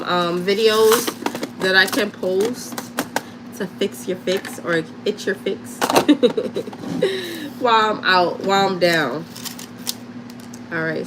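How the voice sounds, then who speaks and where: A woman's voice: medium pitch, background noise. A woman with a New York accent chatting casually and directly to viewers as she hosts a live craft tutorial. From Harlem, New York, USA. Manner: chatty, addresses listeners directly. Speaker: craft livestream host.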